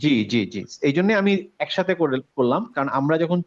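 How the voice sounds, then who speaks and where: A man teaching a pronunciation class over a video call, patiently repeating sounds slowly to demonstrate. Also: on the high side, animated, lo-fi sound. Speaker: Quran recitation teacher.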